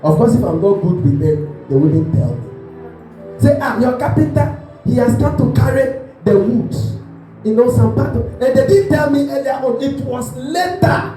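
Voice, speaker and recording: A pastor preaching a sermon, telling a story and acting out the voices, often asking the congregation whether they are listening. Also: male voice, very high-pitched, moderate pace. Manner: animated storytelling, acts out voices, asks the congregation questions. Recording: echoey hall with music behind.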